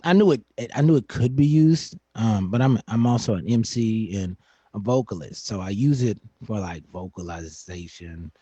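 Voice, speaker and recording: A man, a poet and vocalist, giving thoughtful, informal answers on a panel with careful, deliberate wording. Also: fairly low pitch, dark tone, husky, no echo, highs cut off.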